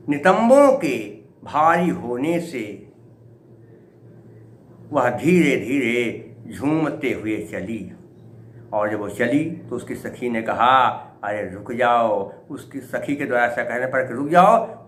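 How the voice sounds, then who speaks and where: A man lectures on a Sanskrit verse, keeping an unhurried pace. He poses rhetorical questions and answers each one himself. The sound is roomy and echoey, with a faint background hiss. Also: medium pitch, fairly bright tone. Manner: chants verse slowly, then explains in quick bursts with rhetorical questions. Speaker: Sanskrit teacher. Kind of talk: classroom lecture explaining verse line by line.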